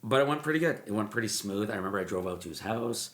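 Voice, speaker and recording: Deep-voiced man telling a lively story. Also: quick pace. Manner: animated storyteller, repeats words, acts out quotes. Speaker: mortgage broker, podcast guest. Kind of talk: storytelling interview chat. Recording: roomy echo.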